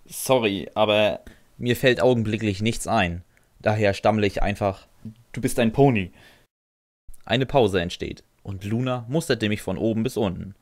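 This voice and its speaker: A man reads a first-person fan audio drama in a dry, sardonic tone, answering the other figure with hesitant "äh"s. His voice sits on the low side and is recorded close and dry, with no room sound around it. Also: moderate pace, no room sound. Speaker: narrator and first-person lead.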